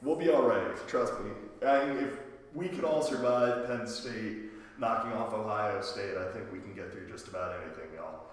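A hoarse man hosting a casual sports podcast, recorded in a home basement with heavy echo. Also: lowish voice, normal speed. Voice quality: worn-out voice from a night of cheering. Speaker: podcast host. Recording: very echoey basement with reverb.

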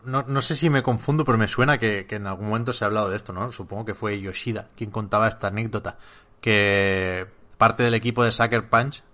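Bright, low-voiced Spanish man chatting. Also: steady tone, a little fast. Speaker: podcast co-host. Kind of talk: casual chat.

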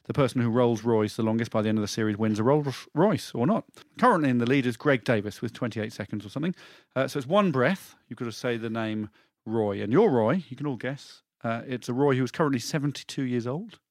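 A man's voice: medium pitch, lively intonation, a little fast, few pauses, dry recording. A man hosting a comedy podcast, running silly games in a dry, bossy way. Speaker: podcast host. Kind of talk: playful comedy chat.

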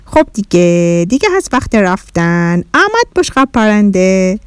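A woman's voice: medium pitch, sing-song, clear, resonant tone, no room sound, clean studio sound, natural voice. A woman voicing a small, friendly Martian boy who talks in broken, childlike grammar in a children's story. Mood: gentle.

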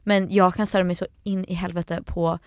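A woman's voice: lowish voice, flat delivery, no echo. Blunt, teasing young woman, dry close mic. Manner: blunt, teasing, mixes in English phrases. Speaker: podcast co-host. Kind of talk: casual chat.

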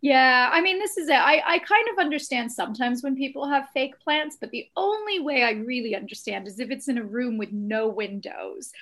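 A woman's voice: high voice, moderate pace, few pauses, a bit bright. A woman in her thirties from Texas with a blended Texan and British accent, a guest chatting reflectively over a video call with lots of "like" and "you know.". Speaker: guest, cactus shop owner. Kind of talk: casual interview chat.

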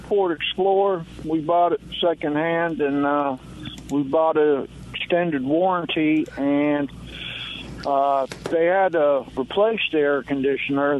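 A man calling a radio show by telephone, asking casually in a polite, hesitant way. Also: on the high side. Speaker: caller. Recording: dull phone call with faint noise.

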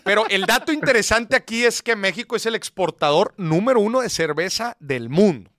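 A man's voice: high voice, very animated, brisk, fairly bright tone, dry recording, studio quality. A man with a Mexican accent hosting a live call-in quiz show, joking with callers and reading out questions. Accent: Mexican Spanish. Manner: playful, joking banter with callers. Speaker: host.

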